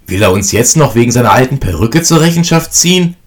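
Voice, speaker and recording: A man's voice: mid-range voice, expressive, fast talker, voice pushed up, lightly acted. A man reading a storybook and voicing a timid young youngest brother who speaks anxiously. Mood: fearful.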